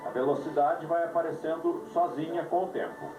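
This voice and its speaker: A yoga instructor, his voice slightly high with fairly flat intonation and a normal pace, gives live class cues laced with dry jokes. The old VHS recording cuts off the highs, sounds echoey and distant, and has music in the background.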